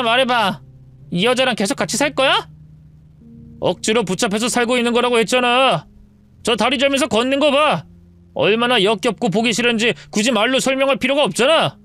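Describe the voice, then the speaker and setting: A woman's voice: a little high, a bit bright, voice pushed up. A woman voicing a spiteful young mistress who gloats and taunts.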